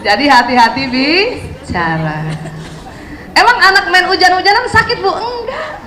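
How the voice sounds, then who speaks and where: High-voiced woman lecturing mothers in an echoey hall. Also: a little slow, some chatter behind, slight background noise. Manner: lively, chatty, acts out mother and child. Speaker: parenting speaker. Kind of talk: talk to an audience of mothers. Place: hall with an audience. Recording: echoey hall, faint ambience.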